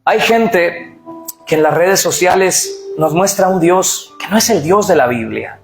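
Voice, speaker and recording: A man's voice: high voice, lively intonation, measured pace, creaky. A middle-aged man preaching a sermon, urging the congregation to repeat phrases aloud. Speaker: pastor. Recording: echoey church hall with music.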